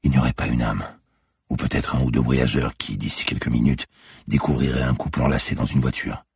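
A man reads a suspense novel aloud in a measured, dark way. His voice is extremely deep and gravelly, with a husky, breathy edge. The sound is close and dry. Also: steady tone, no echo. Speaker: narrator. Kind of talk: audiobook narration.

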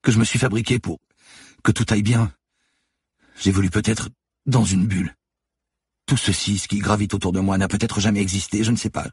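A tearful, desperate young woman cries out in a strained, breathy voice pushed far above the male narrator's own range, as a man puts her on. The audiobook sound is dry and close. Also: fairly low pitch, steady tone, a little fast, pauses often, dry recording, pitched above the performer's own voice. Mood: shaken. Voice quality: tearful, wailing.

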